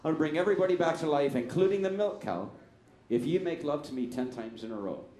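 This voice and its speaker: A man's voice: on the high side, fairly quick, dark tone, echoey room, close to an everyday voice. A man voicing a sly, bargaining female leprechaun in a told joke, offering deals in a matter-of-fact tone.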